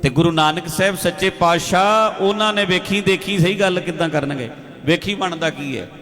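A male preacher giving an animated sermon that tells a story, repeating points for emphasis. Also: high voice, normal speed. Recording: echoey hall with faint music.

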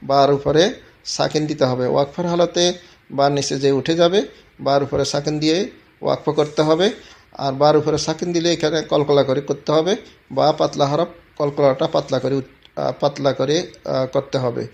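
A man with a Bangladeshi Bengali accent teaching Quran tajweed, explaining each letter and stretched vowel step by step in a steady instructional tone. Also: fairly high pitch, gravelly. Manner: explains letter by letter, then chants verses slowly and loudly. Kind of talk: slow, step-by-step recitation lesson.

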